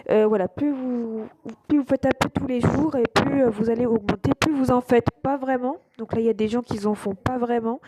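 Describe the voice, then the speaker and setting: A woman with a fairly high but dark-toned voice casually walks her YouTube viewers through an app over a screen recording. She's hesitant, restarting often and filling gaps, with frequent "voilà"s. The recording is low quality.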